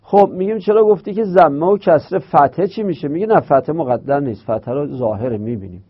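Gravelly man teaching grammar. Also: on the high side, lively intonation. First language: Persian. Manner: explains step by step, repeating and drawing out terms. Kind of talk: explanatory lesson. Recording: dull lo-fi recording.

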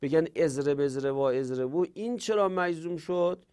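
A man's voice: on the high side, dark tone, clear, resonant tone. A male teacher explaining Arabic grammar rules step by step, posing questions and then answering them himself.

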